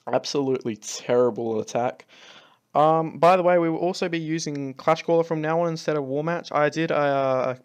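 A man's voice: fairly high pitch, brisk, smooth. A man giving casual commentary over his own game replays, exasperated and ranting, swearing freely as his attacks fail. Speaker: clan leader and channel host.

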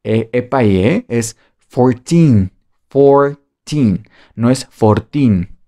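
Mexican Spanish-accented man, online teacher, jokey, unhurried pace, mid-pitched. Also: warm tone. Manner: playful, jokey, drills with repetition. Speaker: English teacher. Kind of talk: online beginner English lesson.

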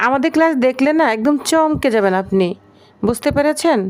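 A woman's voice: high voice, expressive, brisk, a little mellow. A woman voicing a bold, cheeky young woman in love who teases and talks back. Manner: teasing, brash, talks back.

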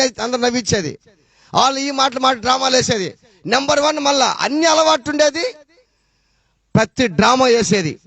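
A middle-aged man with a Rayalaseema accent preaching a testimony sermon, throwing out rhetorical questions and swinging between loud and low. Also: vocal fry, no echo. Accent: Rayalaseema Telugu. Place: church.

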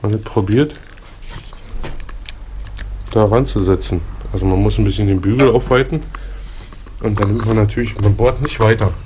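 A man's voice: fairly low pitch, fairly even intonation, moderate pace, long pauses, warm tone. Casual man, noisy workshop recording. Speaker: bike mechanic vlogger. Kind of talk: casual hands-on commentary. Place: bicycle workshop. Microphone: action camera nearby. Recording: noisy action-camera sound.

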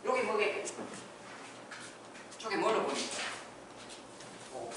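A man's voice: high-pitched, big pitch swings, slow pace, very noisy. A man giving a lecture, explaining step by step and asking his own rhetorical questions, recorded from a distance in a lecture room. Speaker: lecturer on ancient Korean script. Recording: echoey hall, distant mic, faint ambience.

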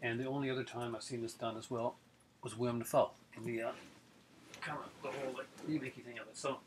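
A middle-aged man with a mid-range voice talks fast in a steady tone, rambling eagerly and casually about his film collection with lots of fillers. It's a casual video review shot in his living room on a close-range webcam, with slight background noise.

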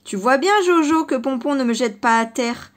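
A woman voicing a vengeful, grumbling male fox in a children's storybook, blustering and shouting. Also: sits high, normal speed, natural voice. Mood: smug.

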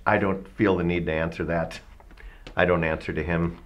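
A radio DJ in his fifties making absurd boasts with a deadpan delivery in a mock debate. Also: low-pitched, normal speed, muffled recording, slight background noise. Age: 50s.

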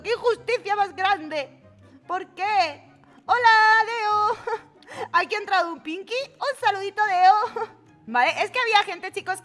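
A young woman with a Peninsular Spanish accent, giving excitable, giggly commentary while playing an online game, with game music in the background. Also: very high voice. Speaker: gaming channel host. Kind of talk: casual Roblox gameplay commentary.

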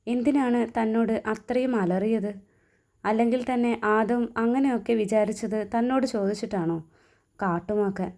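Mellow-voiced woman reading a romance story. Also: on the high side. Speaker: narrator. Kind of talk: storybook narration.

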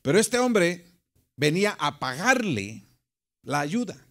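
Male preacher, higher voice, animated storyteller, drops to quiet asides. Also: takes it slowly, creaky. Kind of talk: sermon storytelling.

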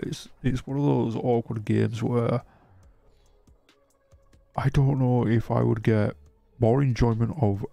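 A man chatting casually while streaming a game, rambling and hesitant, with a croaky, sleepy voice. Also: medium pitch, mellow, no echo. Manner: rambling and hesitant, many restarts. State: sleepy, yawning. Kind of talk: casual live-stream chat.

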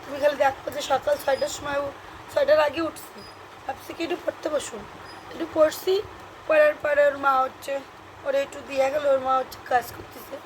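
A young woman vlogger chatting casually to viewers while she minds a baby, dropping into soft cooing baby talk. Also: sits high, flat delivery, fairly quick, a little hiss or hum, low-quality recording.

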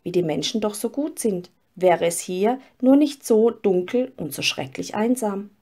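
A woman's voice: mid-range voice, animated, measured pace, mellow. A woman voicing a naive, wistful young fir tree that wonders aloud. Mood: wondering. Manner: wondering, hopeful.

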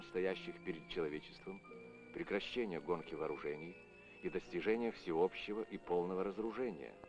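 A man reading formal scripted narration in a measured official tone, as an old Soviet newsreel voice-over. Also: low-pitched. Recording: dull lo-fi old film soundtrack with music. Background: music.

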